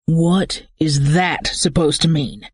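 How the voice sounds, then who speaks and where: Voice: medium pitch, slow pace, slightly rough, no echo, clean studio sound. An audiobook narrator voicing an impatient, worried husband demanding answers on the phone.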